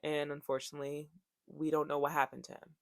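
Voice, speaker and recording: A woman's voice: low voice, level tone, fast, creaky, dry recording. A woman in her twenties talking casually to camera, rambling off topic, joking and swearing freely. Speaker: YouTuber.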